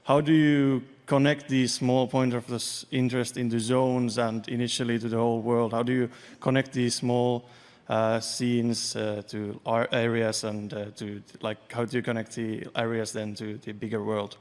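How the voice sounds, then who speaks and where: Smooth, even-voiced man asking a question. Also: mid-range voice, normal speed. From Finland. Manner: careful, searching for words. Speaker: audience member asking a question. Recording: long reverb of a convention hall.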